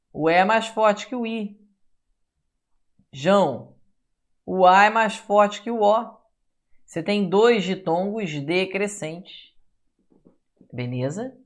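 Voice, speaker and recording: A man's voice: high voice, creaky. A man with a Brazilian Portuguese accent giving a class lecture. He keeps checking in with the class with tag questions and sounds out syllables to show how they work. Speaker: teacher.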